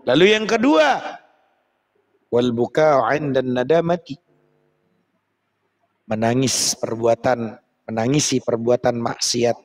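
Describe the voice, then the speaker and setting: A man preaching a lively sermon, acting out prayers and chanting Arabic phrases slowly. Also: mid-range voice. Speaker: Islamic preacher.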